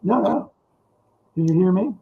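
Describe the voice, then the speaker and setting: A fairly high-voiced man talks in a plain, matter-of-fact way on a livestream. His voice comes through a wrongly set-up headset mic, so it sounds muffled and tinny, like a phone line. The tone is husky and a little breathy. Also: animated, a little slow. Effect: muffled, lo-fi sound from a new headset mic that is set up wrong. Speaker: co-host on a political livestream. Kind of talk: casual talk-show chat.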